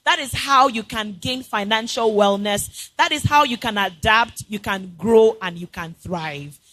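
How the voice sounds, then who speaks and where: A woman's voice: medium pitch, a little slow, a bit bright. A woman hosting an event as MC with polished corporate enthusiasm, rallying and exhorting the audience. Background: music.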